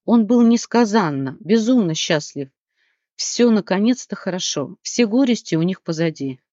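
An audiobook narrator telling the story in a steady, measured voice. The recording is close and dry, with a slightly dull top end. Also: medium pitch, no room sound. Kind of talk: scripted narration.

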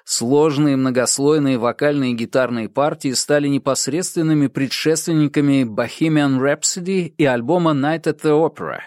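A man reading an audiobook chapter in a measured, even storytelling manner. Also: a little high, no room sound, studio quality. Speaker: audiobook narrator. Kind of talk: scripted audiobook narration.

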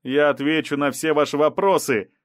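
A man voicing a male doctor urgently shouting warnings to leave. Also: mid-range voice, expressive, normal speed, no room sound, clean studio sound, natural voice.

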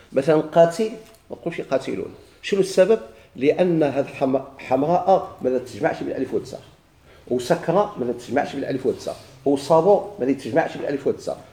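A man's voice: a little high, dark tone, roomy sound. A man with a Moroccan Arabic accent teaching a grammar lesson, putting questions to himself and answering them, with examples repeated again and again.

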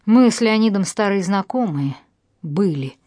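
A woman's voice: on the low side, big pitch swings, normal speed, a little mellow, no room sound, clean studio sound. A woman reading the part of a stern, curt middle-aged male navy major in an audiobook. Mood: reluctant. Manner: curt, official.

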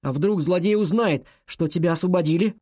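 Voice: medium pitch, a little fast, natural voice. A storybook narrator voicing a curious, eager boy. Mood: anxious. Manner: eager, shouting back.

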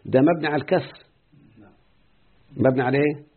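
A man's voice: medium pitch, a little fast, slightly rough. A man with an Egyptian accent teaching an Arabic grammar lesson and often quizzing his students. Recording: muffled phone-like lo-fi audio.

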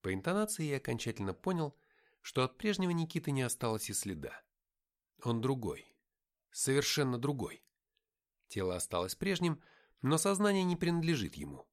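A man's voice: medium pitch, very animated, normal speed. A man narrating an action novel in the first person, reading expressively. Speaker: audiobook narrator.

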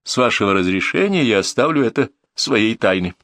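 A man's voice: fairly low pitch, very animated, a bit bright, dry recording, clean studio sound. Man playing a cool-headed police detective. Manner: composed, unhurried reasoning.

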